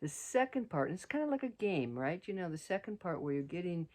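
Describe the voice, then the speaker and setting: A woman's voice: fairly low pitch, big pitch swings, fairly quick, a little mellow. A middle-aged woman vlogging casually outdoors on a mountain trail, rambling with many fillers and restarts. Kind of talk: casual hiking vlog.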